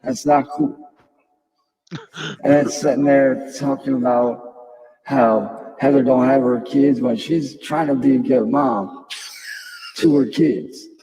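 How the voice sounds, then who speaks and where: A man's scolding, indignant rant, played back from a clip with his voice pitched up. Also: fairly even intonation, slow, long pauses, mellow, big-room sound, poor audio. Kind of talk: ranting video monologue.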